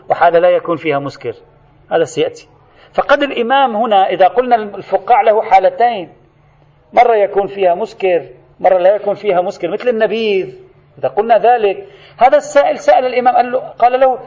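A fast-paced man delivers a methodical jurisprudence lesson, pausing to define terms. His voice sits a little high for a man. The recording is dull and lo-fi. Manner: methodical, explanatory, quotes narrations and glosses words. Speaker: Islamic jurisprudence lecturer. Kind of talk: religious lecture.

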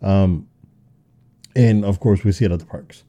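A man's voice: sits low, measured pace, mellow. A man co-hosting a casual podcast chat, talking with many hesitant restarts and fillers. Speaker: podcast co-host.

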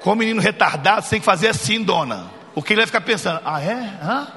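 A male pastor preaches with comic timing, acting out the voices in his story. His voice sits high and his speech races along. The sound rings with the long reverb of a church sanctuary. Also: fast talker. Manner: jokey, animated, acts out dialogue. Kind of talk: humorous sermon storytelling.

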